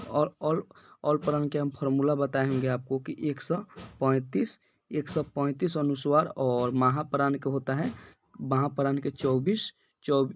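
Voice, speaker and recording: A male teacher working through exam questions one by one, repeating and restarting phrases as he explains each answer. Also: medium pitch. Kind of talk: exam-prep lesson.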